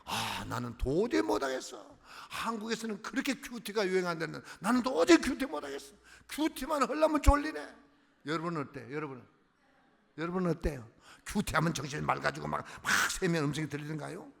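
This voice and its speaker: A man preaches a sermon in a church sanctuary, his voice swinging between loud crying-out and hushed murmurs. His pitch leaps up and down with lively energy over a gravelly edge. A long reverb from the hall trails each phrase. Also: brisk. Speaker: guest pastor.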